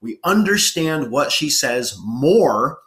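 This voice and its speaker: Relaxed, chatty male writing teacher. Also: a little high, slow. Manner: relaxed, chatty, frequent "okay" and asides. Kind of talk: casual instructional explanation.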